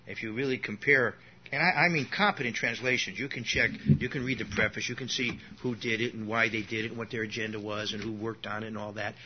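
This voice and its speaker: A man gives a loose, rambling Bible lesson at a fast clip, his low voice keeping a steady tone. He frequently starts sentences over, adds asides and coughs from time to time. The recording is dull and lo-fi, with a little hiss or hum.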